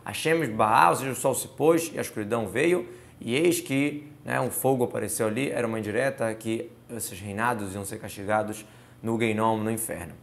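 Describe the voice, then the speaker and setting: A man's voice: lowish voice, normal speed, gravelly. A man teaching a Torah lesson, reading verses aloud and explaining them word by word with Hebrew terms. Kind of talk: explanatory Bible commentary lesson.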